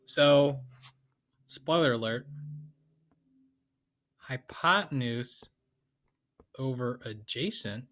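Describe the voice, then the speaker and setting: A man's voice: medium pitch, very slow, pauses often, a bit bright. A man teaching a math lesson in a casual, playful way with joking asides. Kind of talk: casual lecture.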